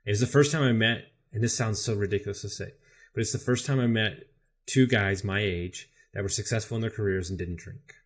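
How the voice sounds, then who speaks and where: A man telling his own story as a podcast guest, candid and animated, with frequent swearing. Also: on the low side, a little fast. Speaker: podcast guest, business coach. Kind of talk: casual storytelling interview.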